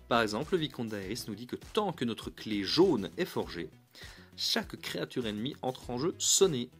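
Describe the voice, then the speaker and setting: A man giving a casual, upbeat card review. He talks in a chatty way, often restarts mid-phrase and chuckles lightly. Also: medium pitch.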